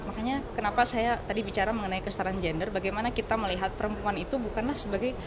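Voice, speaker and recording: Female interviewee, earnest, casual fillers, clear traffic noise behind. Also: medium pitch, fairly even intonation, rapid-fire. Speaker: activist interviewee. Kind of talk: field interview soundbite.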